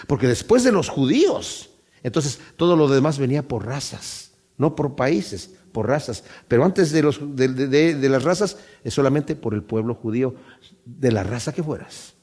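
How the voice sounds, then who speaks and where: A man preaching a Bible-study sermon, speaking emphatically to his congregation and slowing down to read scripture aloud. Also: mid-range voice, expressive, a little mellow, slightly rough. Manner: addresses the congregation directly.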